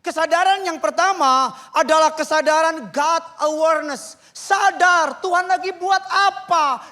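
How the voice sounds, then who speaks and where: A man's voice: very high-pitched, sharp tone. A man preaching a sermon as pastor, telling funny stories with mimicked voices and punchy, emphatic points. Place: church stage.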